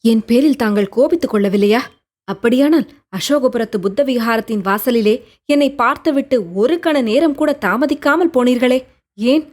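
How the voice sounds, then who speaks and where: A woman's voice: on the high side, normal speed, a little mellow, close to an everyday voice. A woman voicing a lovelorn young woman who speaks of her sorrow in a plaintive, earnest way in an audiobook. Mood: wistful. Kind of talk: audiobook character reading.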